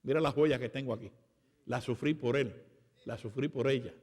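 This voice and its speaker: A Puerto Rican man voicing Christ as a gentle man pleading, low and soft. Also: normal speed, slightly rough, lightly acted. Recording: long hall reverb.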